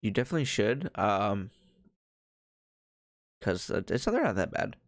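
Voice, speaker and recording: Low-voiced young man, dry sound. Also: very animated, no echo. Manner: easygoing, halting, filler-heavy. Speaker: podcast co-host. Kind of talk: casual chat.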